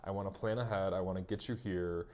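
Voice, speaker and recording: Young man, lowish voice, candid profane diary-style monologue with heavy fillers. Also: steady tone, fast talker, a little mellow. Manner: profane, rambling with many fillers. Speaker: vlogger recounting a personal story.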